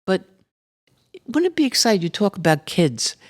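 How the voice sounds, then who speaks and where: A woman's voice: medium pitch, big pitch swings, moderate pace. Encouraging woman artist. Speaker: artist guest. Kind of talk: conversational panel talk.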